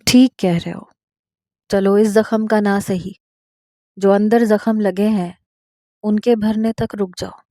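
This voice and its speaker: A woman voicing a patient, fatherly old man who serves as a mosque imam, speaking slowly and soothingly. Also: mid-range voice, fairly even intonation, no echo, studio quality. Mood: tender. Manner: slow, soothing, gently persuasive.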